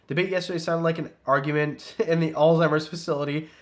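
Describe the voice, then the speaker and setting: Speaking quickly in a voice on the high side with fairly even intonation, a young reptile breeder and channel host rambles through a relaxed livestream. He jokes around, chats loosely, and reads donations aloud.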